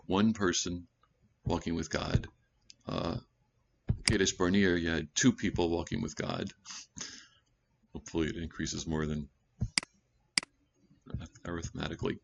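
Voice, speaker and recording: A man with a fairly low voice preaches a sermon in a chatty, animated way. He breaks into loud, emphatic bursts, then slips back into asides and quick self-corrections. The recording sounds dull and lo-fi. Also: gravelly, a little hiss or hum. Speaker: pastor.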